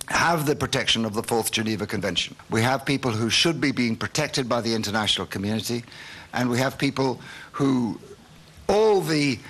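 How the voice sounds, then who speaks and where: A British man, a member of the upper house of parliament, giving a formal conference speech with measured, emphatic oratory and pauses. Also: medium pitch, fairly bright tone. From Britain.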